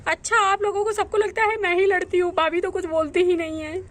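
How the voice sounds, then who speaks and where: A woman's voice: very high voice, level tone, brisk, a bit bright, voice pushed up. A woman voicing a touchy, quarrelsome young woman in a doll story, complaining and self-pitying. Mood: aggrieved. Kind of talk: doll story role-play.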